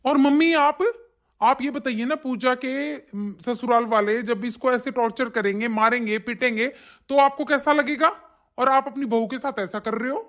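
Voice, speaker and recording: A woman voicing a young husband in an animated family drama who calms his wife and stands firm with his family. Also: fairly high pitch, normal speed, lightly acted. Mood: scolding. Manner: reassuring, firm.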